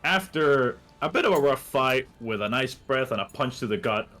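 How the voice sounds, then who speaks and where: A man's voice: mid-range voice, animated, moderate pace, pushed and bright, soft background music. Man narrating as game master. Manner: explains rules patiently. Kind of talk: narrating a tabletop game recap.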